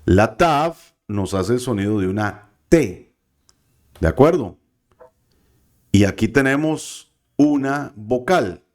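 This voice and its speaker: A man's voice: medium pitch, lively intonation, slow pace, pauses often, a little mellow. A man teaching a biblical Hebrew class, patient and careful, often checking in with his students. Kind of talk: classroom lesson.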